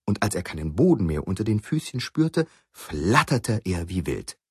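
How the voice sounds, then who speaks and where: Deep, husky-voiced male storyteller. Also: normal speed, no room sound, studio quality. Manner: expressive, storytelling. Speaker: narrator. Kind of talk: scripted storybook narration.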